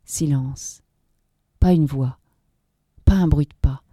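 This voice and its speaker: A woman narrating a dark story in a measured, dramatic reading. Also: low voice, husky, no echo, studio quality.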